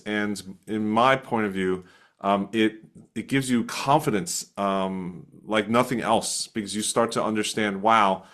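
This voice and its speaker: A man co-presenting a webinar, speaking in a relaxed, thoughtful way with frequent filler words. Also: on the low side. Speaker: workshop co-presenter. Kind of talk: webinar discussion.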